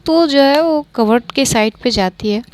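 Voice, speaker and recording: A woman's voice: high voice, moderate pace, darkish tone. A woman narrating a romance story in a casual, conversational way, full of fillers. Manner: conversational retelling, filler-heavy.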